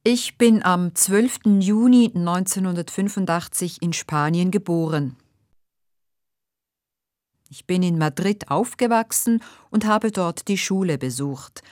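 A woman playing a nervous but polite job applicant in a scripted dialogue for language learners, speaking carefully and clearly. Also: lowish voice, unhurried, darkish tone, no room sound, studio quality, natural voice.

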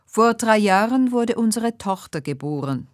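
A woman playing a nervous but polite job applicant in a scripted dialogue for language learners, speaking carefully and clearly. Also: mid-range voice, animated, unhurried, no echo, studio quality, natural voice.

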